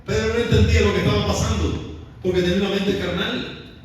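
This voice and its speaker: A man preaching a sermon as pastor, telling a story dramatically and acting out the voices, now loud, now soft. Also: high-pitched, fairly even intonation, brisk. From Cuba. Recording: echoey room from far off, faint noise.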